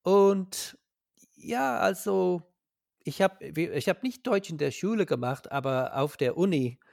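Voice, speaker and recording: Slow, hesitant Irish man. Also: sits high, expressive, gravelly, darkish tone, dry recording, studio quality. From Ireland. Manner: hesitant, many fillers and restarts. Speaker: guest. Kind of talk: casual interview.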